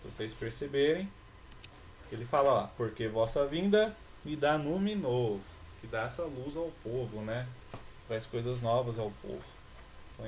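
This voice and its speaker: A man's voice: mid-range voice, darkish tone, a little hiss or hum. A male teacher with a Brazilian Portuguese accent, reading a poem aloud and patiently explaining it in a recorded class. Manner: patient, explanatory, often checks in with students.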